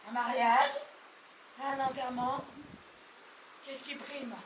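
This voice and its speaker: A woman on a theatre stage playing a bossy, exasperated mother of the bride who shouts and interrogates. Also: sits high, level tone, slow pace. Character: bossy, frantic middle-aged mother of the bride. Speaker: stage actor. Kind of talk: live stage comedy acting. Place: farm theatre stage, live audience. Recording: echoey room, far off, faint hiss.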